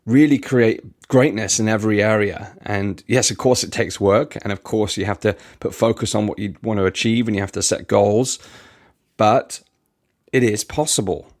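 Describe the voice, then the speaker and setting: A man's voice: lowish voice, normal speed, a little mellow. Earnest man hosting a motivational podcast. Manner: earnest, motivational, with frequent restarts. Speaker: podcast host. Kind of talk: reflective solo podcast talk.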